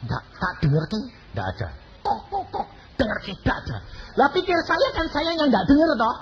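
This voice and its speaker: An older male preacher, speaking in a high voice that swings widely as he tells his story. He acts out the dialogue with animated shifts of tone. The recording sounds slightly dull, with faint ambience behind him. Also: brisk, slight background noise. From Indonesia. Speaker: evangelist preacher. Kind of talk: sermon with personal storytelling.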